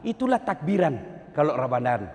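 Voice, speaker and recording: Seorang pria penceramah dari Sulawesi Selatan berlogat Sulawesi Selatan, berceramah kepada jamaah besar sambil bercanda dan sesekali berteriak penuh penekanan. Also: male voice, on the high side, sing-song, normal speed. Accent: South Sulawesi Indonesian. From South Sulawesi, Indonesia. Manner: joking, rising to loud emphatic bursts. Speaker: preacher. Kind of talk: humorous sermon to a large crowd. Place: large public religious gathering. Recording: long reverb from a large venue.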